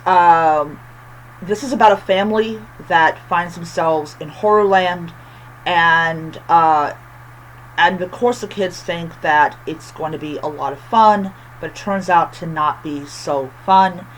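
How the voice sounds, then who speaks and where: Missing teeth give this book reviewer a lisp and a whistling s as he chats casually, stopping frequently and repeating himself. The voice is mid-range and a bit bright, captured in a low-quality recording with a faint hiss or hum.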